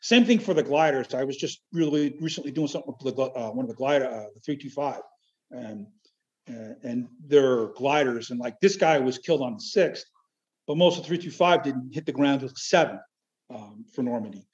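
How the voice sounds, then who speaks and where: A man talking casually in an interview, halting and rambling but enthusiastic. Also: mid-range voice, darkish tone. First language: Chiac French. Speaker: amateur military history researcher, podcast guest. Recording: dull, lo-fi audio.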